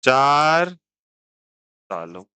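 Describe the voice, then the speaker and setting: A man teaching chemistry in a lively, teasing classroom lecture, joking and pushing students to answer. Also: medium pitch, extremely slow, clean tone, dry recording, poor audio.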